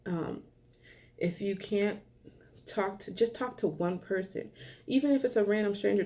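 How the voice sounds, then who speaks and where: A woman's voice: lowish voice, creaky, mellow. A young woman vlogger talking earnestly to her viewers in a casual, heartfelt monologue, rambling with many ums and restarts and sounding short of breath.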